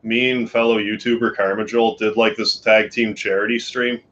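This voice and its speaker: A man's voice: fairly low pitch, flat delivery, moderate pace, a bit bright, lo-fi sound, a little hiss or hum. A tired man from Canada chatting casually and rambling on a late-night live stream from his bedroom. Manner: sleepy, rambling, yawning. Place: home bedroom.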